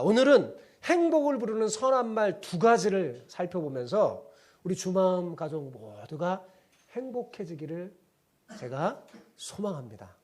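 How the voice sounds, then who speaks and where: A male pastor delivers a sermon with a lively, swinging delivery. His voice sits a little high, and he keeps prompting the congregation to repeat after him. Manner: call-and-response with congregation; folksy storytelling.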